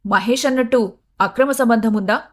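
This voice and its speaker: A woman voicing a sharp-tongued, contemptuous young wife in a storybook tale. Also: fairly high pitch, moderate pace, close to an everyday voice. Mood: scornful. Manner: sneering, irritated.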